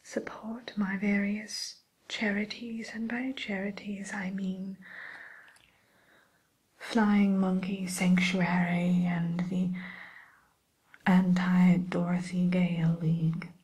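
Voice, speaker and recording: Slow whispering wicked witch, played by a woman. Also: mid-range voice, level tone, a little mellow, close to an everyday voice, low-quality recording. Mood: businesslike, wry. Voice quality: breathy whisper, mostly unvoiced. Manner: slow, polite, hesitant, coaxing tag questions. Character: sly, genteel, spiteful wicked witch tutoring a pupil. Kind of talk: whispered ASMR roleplay.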